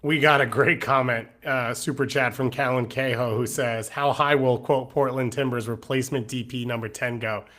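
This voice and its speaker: A man's voice: medium pitch, steady tone, moderate pace, few pauses, a bit bright. Teasing man co-hosting a sports chat. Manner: teasing, conversational. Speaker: podcast co-host.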